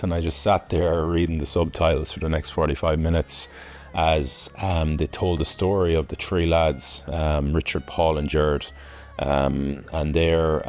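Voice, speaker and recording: An Irish man, a former rugby player, speaking earnestly and reflectively in a documentary interview, with many pauses and ums. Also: rumbling low, a little mellow.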